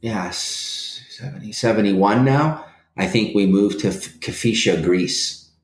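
A man's voice: lowish voice, takes it slowly, echoey room, a little hiss or hum. A man in his forties, a guest in a casual interview, telling his life story with many restarts and hesitations. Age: 40s.

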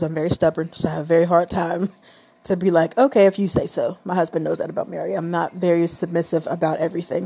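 Woman, 30s, stay-at-home mom, rambling casual storytelling, husky, somewhat low voice. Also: dark tone. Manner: chatty, rambling, many fillers and restarts.

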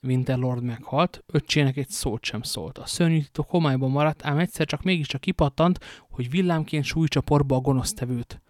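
A man's voice: medium pitch, hardly any pauses, dry recording, studio quality, natural voice. A man voicing Milady, a pleading scheming lady. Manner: pleading, theatrical. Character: scheming noble lady, desperate and seductive.

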